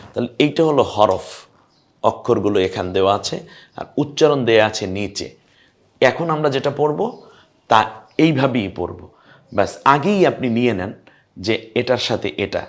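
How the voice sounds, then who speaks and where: A man with a fairly low voice teaches Quran letter reading in a recorded online lesson. He names the Arabic letters slowly one at a time, repeating them for practice. He keeps turning to the viewers and asking them to say the answers. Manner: addresses viewers directly, asks them to answer.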